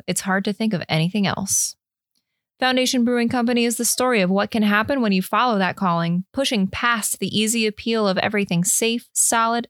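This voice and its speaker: A woman's voice: mid-range voice, dry recording, studio quality. A woman hosting a podcast in an informal, self-deprecating way, moving between chat and reading from notes. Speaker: podcast host. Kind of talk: casual podcast talk about beer, partly read from notes.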